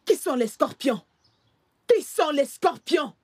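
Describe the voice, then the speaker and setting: An actress dubbing a proud, scheming gang matriarch in a film. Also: female voice, fairly high pitch, lively intonation, unhurried, a little mellow, husky, dry recording, clean studio sound. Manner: proud, wailing, then coolly menacing. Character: scheming older female gang matriarch, reverend mother. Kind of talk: dubbed film dialogue.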